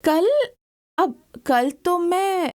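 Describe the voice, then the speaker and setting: An actress dubbing an eager young woman in love in a film, full of excited questions. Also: very high voice, extremely slow, dry recording, studio quality, exaggerated voice. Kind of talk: dubbed film dialogue.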